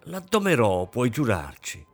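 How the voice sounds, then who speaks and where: A man voicing a domineering, scornful middle-aged mother in an audiobook reading, shouting in anger. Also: mid-range voice, wildly swooping pitch, unhurried, faint music behind, heavily acted.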